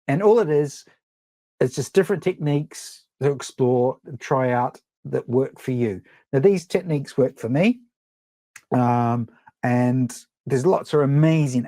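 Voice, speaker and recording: Recorded with no room sound, a middle-aged Kiwi man with a medium-pitched, darkish voice presents a photography webinar live. His casual teaching is chatty and meandering, peppered with ums and false starts.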